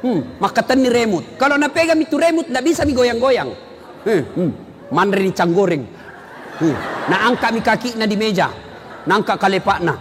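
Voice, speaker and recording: A male Islamic preacher, giving a humorous sermon and telling stories in an animated, teasing way with sudden shouts. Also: high-pitched, normal speed, noisy background. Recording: reverberant hall with faint ambience.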